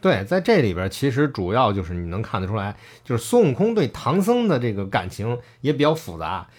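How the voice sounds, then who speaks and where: A man co-hosting a casual chat, retelling scenes with animated acted-out quotes. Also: mid-range voice, a little fast. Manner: animated storyteller, acts out quoted lines. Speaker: podcast co-host. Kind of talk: casual chat about a classic novel.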